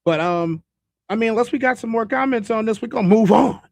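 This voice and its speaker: Man, podcast host, high-pitched voice, loose conversational talk with restarts, dry close sound. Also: a little fast, creaky, no room sound. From Chicago. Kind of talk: casual commentary to viewers.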